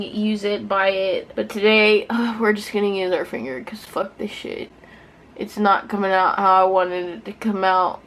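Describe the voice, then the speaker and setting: A drunk woman chatting casually through a makeup tutorial for viewers, giggly and rambling, playful and self-deprecating with some swearing. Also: mid-range voice. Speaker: beauty vlogger presenting a makeup tutorial.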